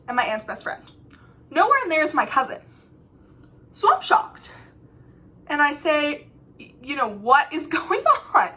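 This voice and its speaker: Bright, high-voiced young woman telling stories. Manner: chatty, dramatic, swings between loud and hushed. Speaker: vlogger. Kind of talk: storytime vlog, casual storytelling.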